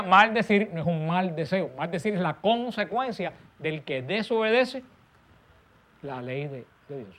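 A man delivers a sermon, putting stress on key words and letting his voice drop soft and low as each phrase ends.

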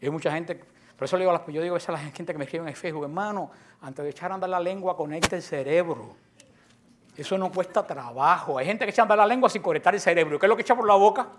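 Male preacher, high pitch; emphatic, sarcastic, rhetorical questions to the congregation. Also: very fast, a little hiss or hum. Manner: emphatic, mocking, asks the audience questions. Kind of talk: sermon.

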